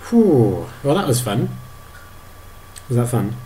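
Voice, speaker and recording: A man in his thirties narrating a video game to his toddler, animated, exclaiming and making playful sound effects. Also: mid-range voice, slow pace, a little hiss or hum. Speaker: parent playing a video game.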